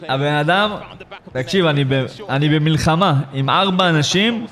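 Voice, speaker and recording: A man live-streaming a football video game, exclaiming in excitement, repeating himself and thanking viewers in slangy chat. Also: fairly high pitch. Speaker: gaming livestreamer.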